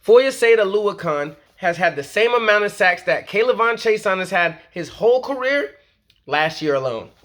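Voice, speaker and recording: A man with a somewhat high-pitched voice runs through his team talk like a fan vlog. He is loose and slangy, full of "okay?" and "you know what I'm saying," building hype as he goes. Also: expressive, moderate pace, a bit bright. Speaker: sports vlogger. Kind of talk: casual fan commentary.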